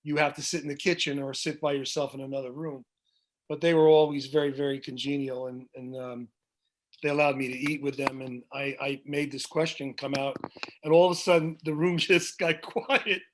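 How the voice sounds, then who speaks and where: A man's voice: medium pitch, level tone, moderate pace. Rambling middle-aged man telling stories. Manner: rambling anecdotes with many fillers and restarts. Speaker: guest, music director. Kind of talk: storytelling in a video podcast interview. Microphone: video call.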